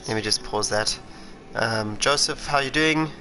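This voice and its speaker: Faint music plays behind this South African racing driver as he talks through a sim racing stream in an unhurried, mid-range voice that's pushed and bright. The audio is poor, with game engine noise and racing car sounds underneath.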